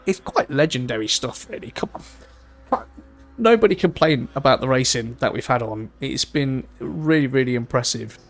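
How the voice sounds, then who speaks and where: A man's voice: medium pitch, animated, moderate pace, creaky. A man, commentating a sim racing event live in a chatty, rambling way and laughing easily. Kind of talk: live esports race commentary.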